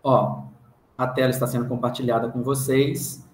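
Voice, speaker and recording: A man's voice: medium pitch, little pitch movement, moderate pace, darkish tone. Brazilian man teaching rhythm, roomy echo. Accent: Brazilian Portuguese. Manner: patient, counts and sings rhythm syllables aloud. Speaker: music teacher. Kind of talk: online music theory class. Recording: roomy echo, faint hiss.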